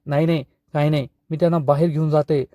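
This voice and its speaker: A man's voice: a little high, steady tone, fast talker, warm tone, dry recording, natural voice. A man reading a pleading young woman. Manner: pleading, soothing.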